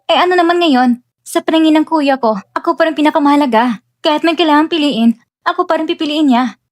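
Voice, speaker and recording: A woman dubbing a spoiled young woman who schemes and clings to her brother, self-assured and pushy. Her voice sits high. It is a dubbed drama. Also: fast talker, no room sound, studio quality, lightly acted. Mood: scheming.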